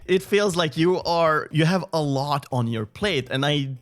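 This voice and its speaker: A man with a fairly high voice hosts a video game music podcast, interviewing a guest remotely in a casual way. He speaks at a measured pace, laughs frequently and often starts his sentences over.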